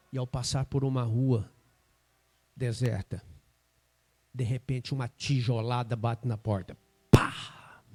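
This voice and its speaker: A man with a Brazilian Portuguese accent, a pastor telling a story in a sermon with emphatic, dramatic pauses. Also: mid-range voice, mellow.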